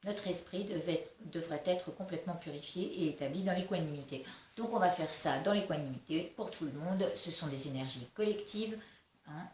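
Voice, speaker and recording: A woman giving a casual spiritual oracle card reading, slow and halting with many fillers and restarts. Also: on the low side, a little mellow. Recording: echoey room with faint noise.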